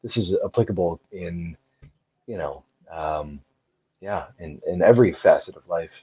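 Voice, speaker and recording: A man's voice: low-pitched, unhurried, mellow, breathy edge, no room sound. A man co-hosting a casual podcast discussion, hesitant, with restarts and frequent "you know". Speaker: podcast co-host. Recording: dull lo-fi audio.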